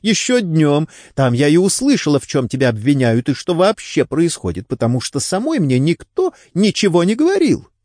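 A man voicing a frightened, sharp-tongued wife under police interrogation, speaking high and insistent. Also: sing-song, measured pace, dry recording, clean studio sound, heavily acted.

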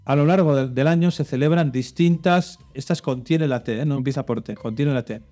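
A man's voice: mid-range voice, brisk, warm tone, soft background music. Man hosting a quiz. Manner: reads clues then coaxes and hints. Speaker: quiz host. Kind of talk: hosting a children's religious quiz show.

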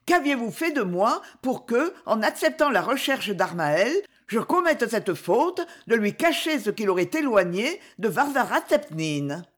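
A young widow in terror and revolt, as a woman narrator acts her out, her voice pitched high, hoarse and trembling. She cries out her lines with raw desperation, the sound of a dramatic audiobook scene. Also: big pitch swings, measured pace. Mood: horrified.

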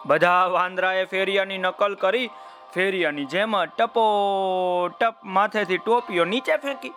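A man narrating a children's folk tale, speaking straight to his young listeners. His voice sits high and smooth, and he takes his time with each phrase. Soft music plays faintly behind him. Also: a little slow. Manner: warm, addresses young listeners directly by name. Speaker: children's storyteller.

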